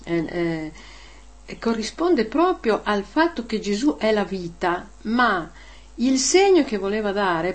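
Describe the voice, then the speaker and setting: A woman with a mid-pitched voice reads scripture steadily, then preaches. She rises in pitch and volume on key words and often checks in with the listeners with a short question tag. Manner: emphatic, rising loud on key words, frequent "eh?" tags. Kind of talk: Gospel reading then homily.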